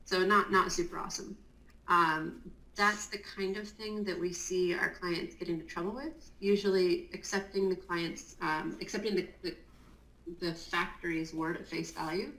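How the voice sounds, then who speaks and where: A woman's voice: fairly low pitch, steady tone, moderate pace, sharp tone. A woman in a casual interview explaining Amazon compliance work. She talks in a chatty, explanatory way with many fillers, in her just-woken morning voice. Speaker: guest, Amazon compliance consultant. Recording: roomy echo.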